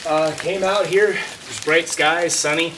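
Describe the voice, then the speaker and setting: A man's voice: on the high side, steady tone, slow pace. A man sheltering in a cave, telling a hiking story to camera with lots of fillers, his voice echoing off the rock. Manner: rambling, heavy on fillers. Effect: cave echo. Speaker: hiker filming a vlog. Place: shallow cave in the woods, sheltering from a thunderstorm. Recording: echoey cave, distant mic, loud rain noise. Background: heavy rain.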